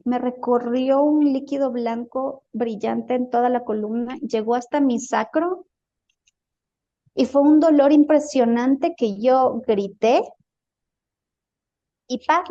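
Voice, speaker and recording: A woman's voice: a little high, takes it slowly, mellow. Dull-sounding woman telling a story. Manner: hesitant, repeats words while searching for them. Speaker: guest recounting a healing experience. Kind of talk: casual storytelling in an interview.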